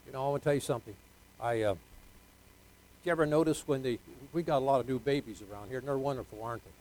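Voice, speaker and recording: Older preacher swinging from hush to shout. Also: male voice, mid-range voice, rough recording. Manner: folksy, swings from quiet asides to loud drawn-out emphasis; jokes with the congregation, asks for amens. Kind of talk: sermon.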